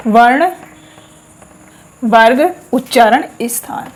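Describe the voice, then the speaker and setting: A woman teaching a lesson, explaining step by step, asking questions and answering them herself, and saying sounds aloud slowly for practice. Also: on the high side, animated. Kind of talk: classroom lesson.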